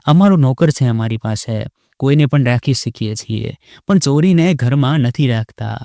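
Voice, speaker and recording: A man voicing an arrogant, scornful rich young wife who taunts and shouts in a sharp voice. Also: medium pitch, lively intonation, moderate pace, vocal fry, no room sound, clean studio sound.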